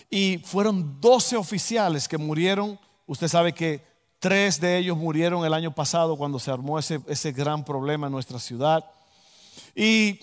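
Man, storytelling sermon, animated, high-pitched, long hall reverb. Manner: animated storyteller, acts out voices and exclamations.

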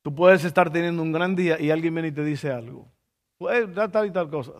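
A man preaching a sermon, telling a story with lively asides and rhetorical questions. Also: a little high, brisk, big-room sound.

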